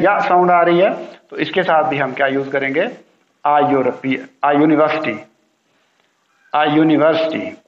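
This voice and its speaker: A man teaching a grammar lesson, patiently repeating key words slowly. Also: fairly high pitch. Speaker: English teacher. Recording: roomy, dull lo-fi sound.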